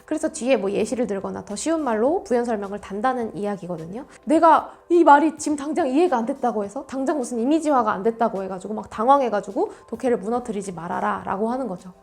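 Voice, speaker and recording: A woman's voice: on the high side, expressive, fast talker, hardly any pauses. A woman teaching an exam-prep English lesson in an emphatic, coaching way. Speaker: English tutor.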